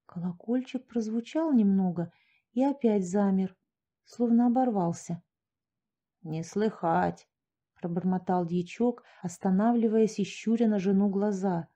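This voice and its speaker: A woman reading a short story aloud in steady, even audiobook narration. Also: medium pitch, normal speed.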